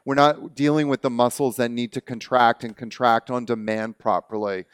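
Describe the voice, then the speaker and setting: A man with a Canadian accent hosting an online webinar, talking in a relaxed, chatty way and laughing easily. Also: mid-range voice, normal speed, smooth, dry recording. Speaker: webinar host and movement teacher. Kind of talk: casual online webinar talk. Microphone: video call.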